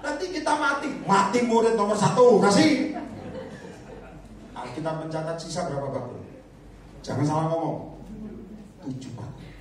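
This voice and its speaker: A man preaching a lively sermon, joking the congregation and acting out the voices of the people in his stories. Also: high voice, normal speed, pauses often. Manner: animated, jokes and asks the crowd to raise hands; acts out voices of disciples and believers. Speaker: evangelist preacher. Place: church or prayer meeting hall. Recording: echoey hall, recorded from far off.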